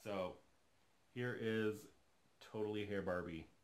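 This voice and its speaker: A doll collector vlogger in his thirties, seated on a sofa in his living room, takes his time unboxing a doll. His voice is lowish and slow-paced, and he chats casually, thinking aloud with obvious enthusiasm.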